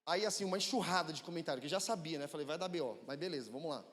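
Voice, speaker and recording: A man preaching in a church with a notably high voice, telling stories in a loose, conversational way. He keeps checking that the congregation is following, and his words trail off in a long hall reverb. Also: rapid-fire, fairly bright tone. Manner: storytelling, conversational, asks the congregation. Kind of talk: sermon.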